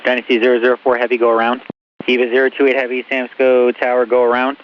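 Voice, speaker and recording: A man's voice: medium pitch, completely flat delivery, quick pace. A man working as an airport tower controller, giving air traffic instructions over the radio. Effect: radio transmission. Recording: muffled radio with faint hiss.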